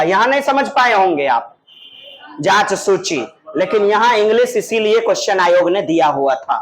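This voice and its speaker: High-voiced, slow-talking teacher drilling students. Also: male voice, low-quality recording. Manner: drills students, repeating terms and calling out prompts. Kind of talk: online exam-prep class.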